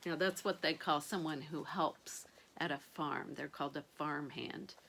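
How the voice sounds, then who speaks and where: A sweet, grandmotherly older woman reads a picture book aloud to children, expressively drawing out key words and adding gentle asides. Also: low-pitched, fairly even intonation, measured pace, gravelly, a little hiss or hum. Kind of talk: animated read-aloud storytelling with asides to young listeners.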